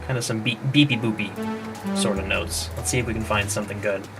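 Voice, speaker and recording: Over background music, a man works on his game, casually thinking aloud as he playtests and sometimes trailing off mid-thought, like a relaxed dev stream. His voice is fairly low with vocal fry, and he speaks quickly in a steady tone.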